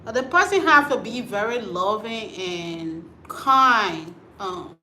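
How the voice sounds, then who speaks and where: A woman from Liberia in West Africa hosts a casual livestream chat, answering viewer comments as a storm and rain carry on outside. Her mid-range voice has lively intonation and a sharp tone, she speaks slowly, and the room is echoey.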